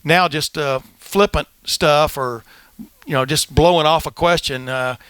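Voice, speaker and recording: Older male podcast host, slightly high voice, loose anecdote-heavy chat, dry booth sound. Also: measured pace, a bit bright, clear, resonant tone, no echo. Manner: rambling anecdotes with many fillers, acts out quoted voices. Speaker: podcast host, veteran sportswriter. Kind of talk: casual storytelling chat.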